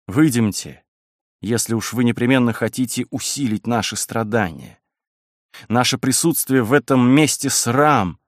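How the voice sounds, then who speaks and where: A man voicing a stern young priest torn by temptation, speaking gravely and solemnly at a middle pitch in a dry setting. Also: a little slow, no echo, close to an everyday voice.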